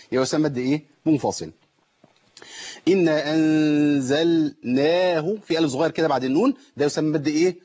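A man with an Egyptian accent teaching Quran recitation rules on a call-in broadcast, quizzing listeners in rapid explanations and reciting verses slowly in a melodic chant. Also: a little high, darkish tone, breathy edge, lo-fi sound. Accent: Egyptian Arabic. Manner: quick explanatory chatter with question-and-answer drills, slow melodic recitation. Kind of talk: tajweed lesson on a call-in broadcast.

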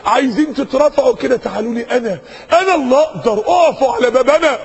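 Male Egyptian preacher, quick and impassioned, with a raspy high voice that climbs to cries. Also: low-quality recording. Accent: Egyptian Arabic. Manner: impassioned, builds to cries and slows for quotations. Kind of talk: sermon.

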